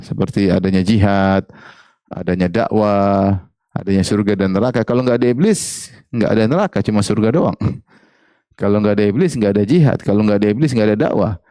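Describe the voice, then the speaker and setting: A male Islamic preacher giving a religious study lecture, often putting questions to the audience and repeating key phrases in a lively, joking teaching tone. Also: on the low side, no room sound.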